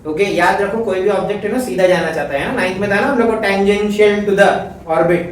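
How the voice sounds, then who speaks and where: Male teacher, chatty and joking, boomy echoing room, voice from a distance, faint hiss. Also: very fast. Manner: chatty, joking, mixes Hindi and English. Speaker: physics teacher. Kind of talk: classroom lecture. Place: classroom. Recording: echoey classroom, mic far off.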